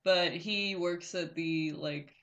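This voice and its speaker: A woman's voice: on the low side, slow, fairly bright tone. A woman co-hosting a podcast, chatting casually and rambling through a recap with lots of fillers and giggles. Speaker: podcast co-host. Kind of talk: casual chat.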